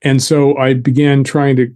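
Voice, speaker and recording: A man's voice: mid-range voice, flat delivery, moderate pace, a little mellow. A man who is an interview guest, telling a personal story in conversation and chuckling wryly at himself. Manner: wry, chuckles at himself while recounting. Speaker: interview guest, belief therapist.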